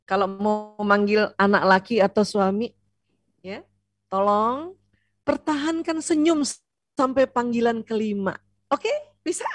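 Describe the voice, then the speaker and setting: A woman giving a seminar lecture on family life, lively and playful, teasing the audience and asking it questions. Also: medium pitch, a little slow, long pauses, dry recording, studio quality, faint music behind. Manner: asks the audience questions and answers them. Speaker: seminar speaker.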